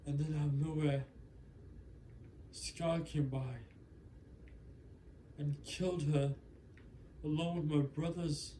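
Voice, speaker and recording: A man's voice: a little high, dark tone, a little hiss or hum, voice pushed up, lightly acted, low-quality recording. A man narrating as a frightened young female wolf pup, telling her escape in first person with earnest, breathless urgency.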